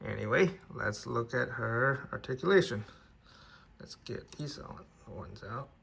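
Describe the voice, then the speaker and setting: A man's voice: medium pitch, lively intonation, a little slow, vocal fry, a bit bright, husky. A man, not an English speaker, casually reviewing an action figure in plain conversational talk with restarts. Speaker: toy reviewer.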